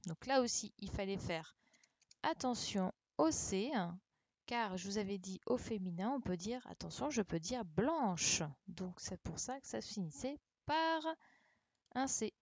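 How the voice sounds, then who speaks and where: A woman teacher from France leads an online class, speaking slowly and carefully as she spells each word out. Her voice is dry and close to the computer mic, with nothing roomy around it. She keeps checking in with the children as she goes. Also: medium pitch, expressive, a little mellow. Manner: patient, spells words out letter by letter with frequent "hein" and "d'accord". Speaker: primary school teacher. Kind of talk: live-streamed dictation correction lesson. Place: home setup for an online class. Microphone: computer microphone for a live stream.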